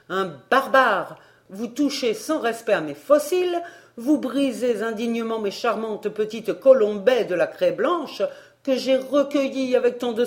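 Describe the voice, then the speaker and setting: A woman voicing a pedantic, spiteful hunchbacked male gnome geologist with a shrill, yelping voice. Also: darkish tone, natural voice. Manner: shrill, yelping when angry.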